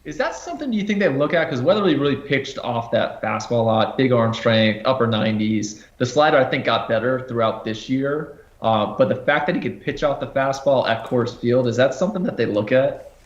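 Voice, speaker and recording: A man breaks down draft picks over a video call, and his voice rings in a roomy, echoing space. His pitch sits in the middle, but it leaps up when something excites him, and he often stammers as he restarts a thought. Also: brisk, few pauses, dull audio. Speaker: draft analyst. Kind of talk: live panel discussion.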